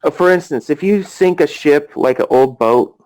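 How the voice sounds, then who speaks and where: A man's voice: a little high, normal speed, darkish tone, low-quality recording. A man hosting a casual voice chat, rambling with lots of fillers and talking over the others. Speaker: voice chat host.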